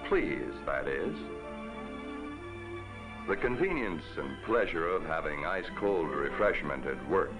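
A man narrating a 1950s TV commercial as a folksy, upbeat pitchman. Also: big pitch swings, slow pace, pauses often. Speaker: commercial announcer. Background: music.

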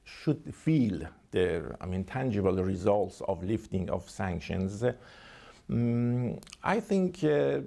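Slow, gravelly man with a Persian accent. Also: lowish voice, very animated, mellow. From Iran. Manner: halting, hesitant phrasing with frequent 'I mean'. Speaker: diplomat interviewee. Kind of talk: formal interview answers.

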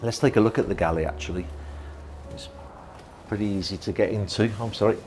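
A man's voice: on the low side, brisk, darkish tone, a little hiss or hum. A middle-aged man giving an enthusiastic walkthrough tour of a yacht, guiding the viewer as he walks. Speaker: yacht reviewer. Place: outdoors on a yacht deck and inside its saloon at a boat show.

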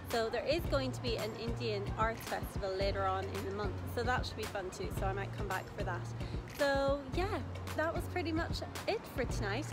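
Chatty young woman vlogging outdoors. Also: fairly high pitch. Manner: chatty, upbeat, rambling with fillers. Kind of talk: casual travel vlog. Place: outdoors in a city at evening. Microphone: phone camera at arm's length.

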